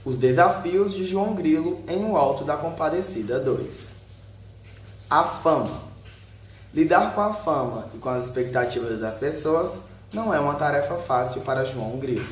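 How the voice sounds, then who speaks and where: At a moderate pace and with lively intonation, a Brazilian man with a fairly high voice reads a video narration script in short headed sections. He sometimes stumbles over a word. There's a roomy echo and a bit of faint background noise.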